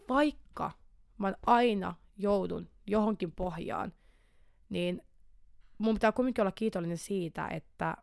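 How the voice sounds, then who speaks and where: A woman's voice: medium pitch, gravelly, dry recording, clean studio sound. A young woman hosting a podcast, talking candidly and animatedly about her own struggles, often restarting and repeating words and slipping English words into her speech. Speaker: podcast host. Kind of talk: candid personal podcast monologue.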